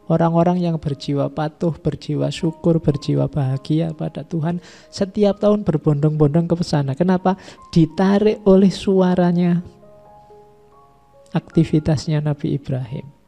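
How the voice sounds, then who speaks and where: A man giving a relaxed, conversational philosophy lecture in a mosque, listing ideas one by one. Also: on the high side, creaky. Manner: conversational, repeats and lists ideas. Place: mosque hall.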